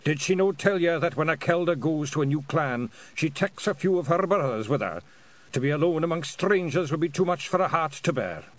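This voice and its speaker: A man voicing an old male Feagle, a small, sad clansman, with a Scottish accent, speaking slowly and gently. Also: fairly high pitch, expressive, pitched above the performer's own voice, close to an everyday voice. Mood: wistful.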